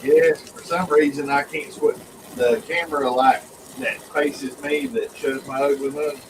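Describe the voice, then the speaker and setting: A man's voice: medium pitch, steady tone, a little slow, background noise. A man hosting a casual video-call chat, with a hollow, muffled sound like he is inside a fishbowl, who rambles easily while he fumbles with his camera. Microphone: failing mic, sound picked up through a camera.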